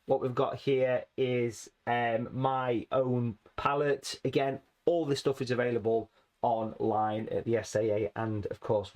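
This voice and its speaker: Chatty painting teacher, a bit hoarse. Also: male voice, mid-range voice. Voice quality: rusty, slightly raspy. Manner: chatty, friendly, calls viewers folks. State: hoarse from hay fever. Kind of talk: casual painting tutorial.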